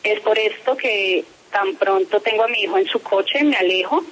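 A woman's voice: medium pitch, moderate pace, slightly rough, low-quality recording. A woman being interviewed by phone about a complaint, speaking firmly and formally. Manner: firm, insistent, formal. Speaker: interviewee, parent making a complaint.

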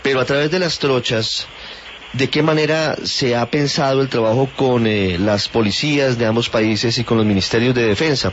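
A man working as a radio journalist asks his question in a formal, measured way, in a mid-range voice. The sound is muffled, with a faint hiss. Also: mid-range voice.

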